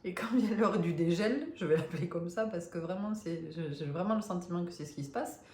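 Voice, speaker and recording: A woman's voice: on the low side, a little fast, darkish tone. A woman in her fifties telling a personal story to her viewers, hesitant and emotional, with many fillers and restarts. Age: 50s. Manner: emotional, confiding. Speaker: spiritual vlogger. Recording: roomy echo.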